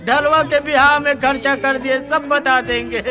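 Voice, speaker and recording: An actor playing an anxious, indebted village farmer who grumbles and scolds. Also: male voice, extremely high pitch, steady tone, moderate pace. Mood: pleading. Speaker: villager in debt. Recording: film soundtrack with background music.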